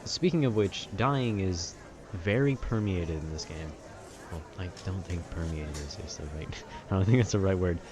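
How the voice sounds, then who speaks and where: A low-pitched man talks at normal speed, casually rambling about video games with lots of informal slang, like an amateur host speaking off the cuff. His laid-back, meandering chat comes through a noisy background of outdoor city ambience.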